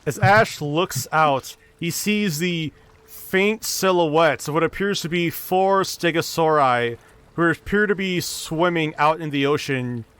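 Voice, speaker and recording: A man narrating a tabletop game as its dungeon master. His voice is smooth and resonant and sits a bit high for a man. He tells the scene steadily, restarting a word here and there. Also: measured pace, a bit bright.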